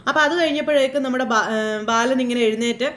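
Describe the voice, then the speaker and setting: Woman storyteller, high voice, chatty episode recap full of fillers. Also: fast talker, fairly bright tone. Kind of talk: casual retelling of a TV serial.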